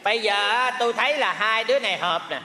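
Brief: man as a wordplay-loving male fortune teller, high, bright voice, on an echoey stage. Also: lively intonation, fast talker, slight background noise, full character voice. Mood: persuasive. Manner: persuasive, wordplay-heavy, stammering when flustered. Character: fast-talking male fortune teller matchmaker. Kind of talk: stage comedy sketch.

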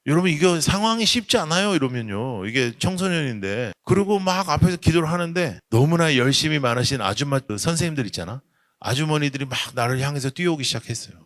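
A middle-aged male pastor preaching at a youth camp, telling a humorous story with lively, acted-out voices. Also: on the high side, fast talker, no echo, clean studio sound. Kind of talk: sermon.

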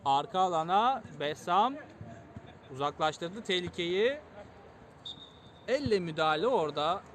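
Very high-pitched male football commentator. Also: lively intonation, measured pace, fairly bright tone, a little hiss or hum. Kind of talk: match commentary.

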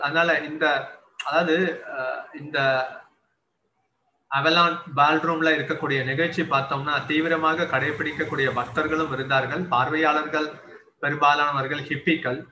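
Man with a tamil nadu accent giving a temple talk, bright forceful voice, kinda high, echoey hall. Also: slight background noise. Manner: conversational retelling with fillers and repeated phrases. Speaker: lecturer. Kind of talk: devotional storytelling lecture.

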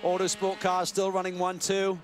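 A man doing excited play-by-play motorsport commentary, calling the action briskly. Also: slight background noise. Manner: brisk, excited calls that rise in pitch at key moments. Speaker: lead race commentator.

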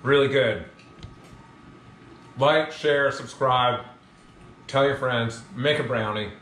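A middle-aged man hosts a home cooking show from a large home kitchen, talking upbeat and chatty straight to camera while demonstrating a recipe. His mid-range voice moves slowly, with slight hiss or hum, in an echoey room over soft background music.

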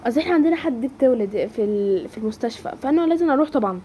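A woman with an Egyptian Arabic accent voicing a timid young woman who stammers in a high, fearful voice. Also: animated, very fast, dull audio, a little hiss or hum, natural voice. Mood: polite. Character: timid young woman, frightened then shy.

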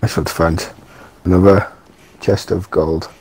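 A man's voice: low voice, little pitch movement, unhurried, vocal fry, a little mellow, breathy edge. A man chatting casually and bluntly during a co-op game, with plenty of swearing. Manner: blunt, sweary, matter-of-fact. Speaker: co-op gamer. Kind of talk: casual gaming chat.

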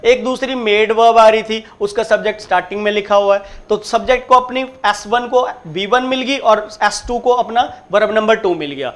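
A man teaching an exam-prep grammar lecture, explaining step by step, repeating his points and reading the example sentences slowly. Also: sits high, fairly bright tone. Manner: emphatic, repeats points and keeps checking in. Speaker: English teacher.

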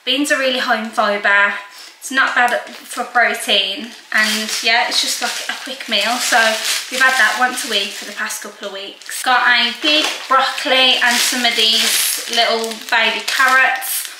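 A woman's voice: fairly high pitch, fairly even intonation, measured pace. A young woman chatting casually to camera in her home kitchen, showing her groceries one by one. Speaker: lifestyle vlogger. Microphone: camera on a counter in front of her. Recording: echoey kitchen with noise.

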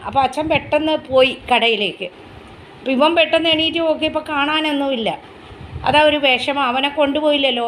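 A woman's voice: sits high, a bit bright, slight background noise. A woman, filming at home on a phone and talking to her pet dog in fond, sing-song baby talk. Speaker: pet vlogger. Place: home indoors.

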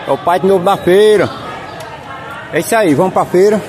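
Male market vlogger, Northeastern Brazilian accent, high voice, repetitive exclamatory patter, busy crowd behind him. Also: a little fast. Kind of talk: casual walk-around market commentary. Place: busy covered open-air street market. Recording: outdoor crowd noise behind.

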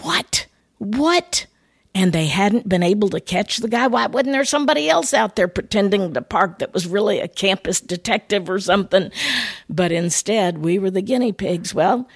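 An older woman hosting a ministry podcast, telling a personal story in an animated, conversational way. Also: mid-range voice, moderate pace, vocal fry, husky, no room sound, studio quality.

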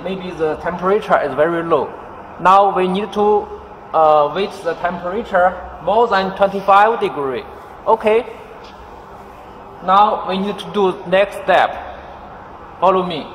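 A man in his thirties with a Chinese accent demonstrating a machine in a workshop, speaking haltingly with many fillers. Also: high-pitched, a bit bright. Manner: halting, many uh fillers, non-native phrasing. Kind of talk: casual product demonstration. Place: large factory workshop indoors. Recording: echoey factory hall, workshop noise.

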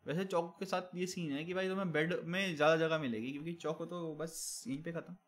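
Teasing young male streamer, slightly high. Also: fairly even intonation, fast talker. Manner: teasing banter while reading chat aloud; mixes English catchphrases into Hindi. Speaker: game streamer. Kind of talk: casual live-stream chat.

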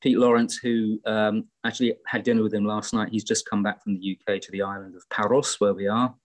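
Middle-aged English guest on a laptop call, low voice, thoughtful and meandering, lots of ums. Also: male voice, little pitch movement, brisk, slight background noise. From England. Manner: reflective, rambling with frequent fillers and restarts. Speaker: guest musician. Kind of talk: casual interview chat. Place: home room in Greece, indoors. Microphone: laptop webcam on a video call.

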